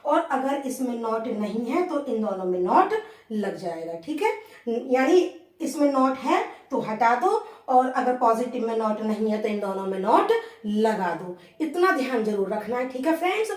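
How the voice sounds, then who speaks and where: A woman with a high voice explains grammar rules step by step, checking in often with a rising "okay". She slows right down to dictate example sentences word by word. The sound is roomy and echoey, picked up from some way off the mic. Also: animated, a little mellow, recorded from a distance. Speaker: English grammar teacher. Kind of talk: blackboard grammar lesson.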